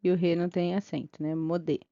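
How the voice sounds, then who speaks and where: A woman's voice: fairly low pitch, little pitch movement, quick pace, warm tone, dry recording, dull audio. A woman teaching Hebrew reading, sounding out syllables one by one and checking in with her students. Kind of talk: slow reading lesson, syllable by syllable.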